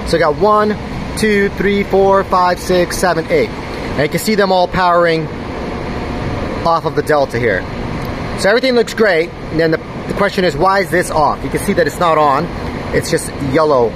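A man's voice: on the high side, normal speed. A man filming one-handed on a phone as he walks through a server room, explaining hardware problems while he checks the machines. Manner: talks while filming and handling hardware, thinking aloud. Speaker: mining farm operator. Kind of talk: casual hands-on walkthrough. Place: large indoor server room with fans. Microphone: handheld phone camera, filmed one-handed. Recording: loud fan and air conditioning hum.

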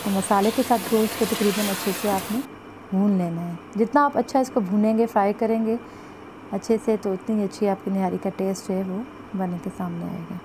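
Cooking at home, this woman from Pakistan explains each recipe step as a vlogger, gesturing at the pot and chatting away. Her medium-pitched voice is fairly even and fairly quick, peppered with "jo hai" and "ye dekhein," against a noisy background.

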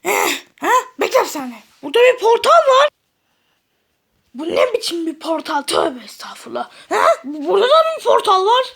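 A woman voicing a goofy, panicky male cartoon character who keeps shouting and exclaiming, then breaking into giggles. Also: extremely high pitch, very animated, normal speed, creaky, full character voice. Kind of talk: cartoon voice acting.

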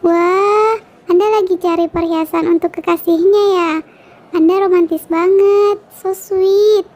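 A woman's voice: very high-pitched, fairly even intonation, measured pace, darkish tone. A woman voicing a bubbly young female shop clerk who gushes politely over a customer, in a fan-dubbed game drama. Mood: friendly. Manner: polite, gushing sales talk.

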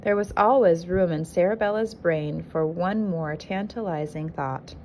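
Reading a children's picture book to little ones, this woman uses a teacher's expressive, unhurried style in a slightly low voice. The recording comes from a phone she holds indoors while filming the pages, with noticeable noise in the background.

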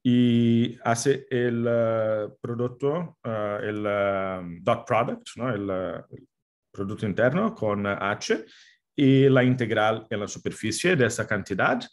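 A man in his thirties who is not a native Spanish speaker lectures academically over a video call, with a foreign accent and a halting, word-searching manner. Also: on the low side. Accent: non-native Spanish. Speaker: guest lecturer, mathematics professor. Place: indoor room, video call.

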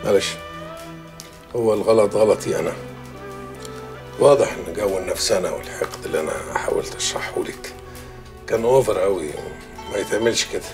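An actor playing an office boss who speaks Egyptian Arabic in a brisk, commanding way, sometimes calming, sometimes firm. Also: male voice, on the low side, close to an everyday voice. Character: middle-aged male office boss, commanding. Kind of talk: TV drama acting. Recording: music playing under the scene.

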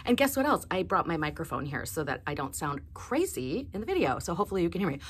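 A woman in her thirties talks on a lapel mic in a small indoor shop room. She is bubbly and chatty in a casual vlog and laughs often. Her voice sits on the low side. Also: sing-song, fast talker, husky. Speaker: yarn shop owner and vlogger. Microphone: clip-on lapel mic.

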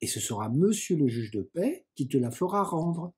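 A man's voice: on the high side, sing-song, normal speed, darkish tone, husky. A man reading the lines of a devoted, protective older sister in an audiobook, tender and earnest.

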